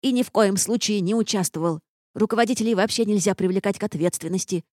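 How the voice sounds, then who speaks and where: A woman's voice: mid-range voice, quick pace, darkish tone, dry recording, studio quality, voice pushed up, lightly acted. A woman voicing a cheeky, fluffy male jerboa who whines and wriggles out of blame, in an audiobook. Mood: indignant, sly. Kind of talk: audiobook character voice.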